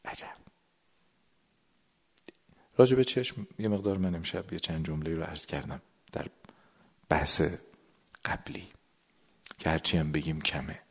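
A man's voice: rumbling low, fairly even intonation, husky. A man giving a sermon to a gathered audience, explaining a prayer text, stretching his words and sometimes dropping to a whisper. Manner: drawn-out words, sudden drops to a whisper. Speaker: religious lecturer.

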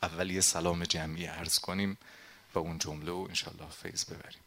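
Bright-voiced impassioned male preacher. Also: sits low, level tone, slight background noise. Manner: dramatic, impassioned narration. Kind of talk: sermon storytelling.

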